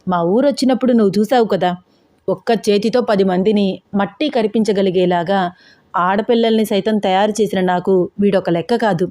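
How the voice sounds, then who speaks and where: A woman's voice: medium pitch, normal speed, mellow, lightly acted. A woman reading a story aloud and voicing a confident older uncle who reassures and boasts. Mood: reassuring.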